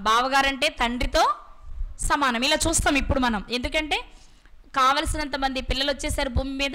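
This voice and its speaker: Bright high-voiced woman preaching. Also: clear, resonant tone. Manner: asks the audience questions and answers them herself; slows down to stress words and scripture. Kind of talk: Bible sermon.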